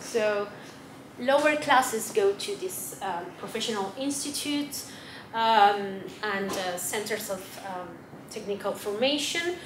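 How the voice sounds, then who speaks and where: A woman from Chile, a native Spanish speaker, presenting at an academic symposium and pausing often with fillers and restarts. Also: medium pitch. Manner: hesitant, many fillers and restarts. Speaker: academic panelist. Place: conference room. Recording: echoey hall with noise.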